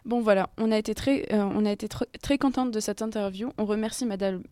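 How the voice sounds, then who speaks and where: A young woman co-presents a radio segment, half scripted and half chatting. Her pitch is middling and the sound is very dry. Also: steady tone, fast talker, mellow, no room sound. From outside France. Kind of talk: semi-scripted radio chat.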